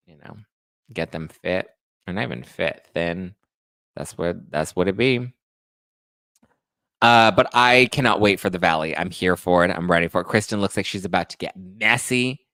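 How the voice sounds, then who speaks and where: A man in his thirties with a low, slightly bright voice hosts a casual pop-culture gossip livestream, with no room sound in the recording. He chats with viewers in a sassy, playful, slangy way, calling them honey and boo.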